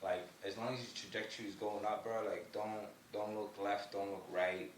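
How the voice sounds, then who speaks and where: This man's voice is fairly low and flat, at a moderate pace, caught on a distant mic in a roomy space with faint background noise. Originally from Somalia and having lived in Ottawa, Canada, he gives casual, slangy, emphatic motivational advice as a podcast guest, often adding "you know what I mean."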